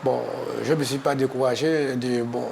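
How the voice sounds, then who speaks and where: An older man giving personal testimony in halting, short phrases. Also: mid-range voice, fairly even intonation, a little mellow. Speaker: interviewee, former factory worker. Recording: clearly noisy location sound.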